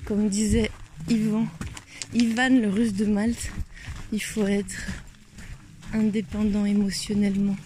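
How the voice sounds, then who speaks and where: A woman's voice: mid-range voice, little pitch movement, takes it slowly, long pauses, warm tone, a little hiss or hum. A woman hosting a casual walking chat, playful and laughing often. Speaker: host. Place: outdoors in the countryside.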